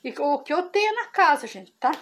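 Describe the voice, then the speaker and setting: This is a high, expressive female voice at a moderate pace: a middle-aged cooking vlogger from Brazil giving a casual demonstration in her farm kitchen. As she works through the recipe, she keeps calling her viewers "gente."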